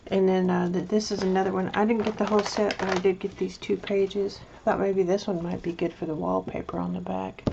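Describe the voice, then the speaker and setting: A woman's voice: mid-range voice, level tone, brisk, gravelly, hardly any pauses, muffled recording, noisy background. A woman showing her craft project in a casual, rambling vlog, often restarting her sentences. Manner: rambling, hesitant, chatty with many restarts. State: mouth full of candy. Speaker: crafting vlogger. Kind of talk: casual show-and-tell craft video.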